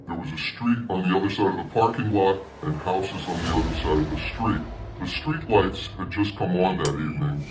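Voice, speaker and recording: An anonymous male eyewitness whose voice is electronically altered to sound deep and disguised, giving a calm, precise and detailed first-person account. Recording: echoey, distant, with music underneath.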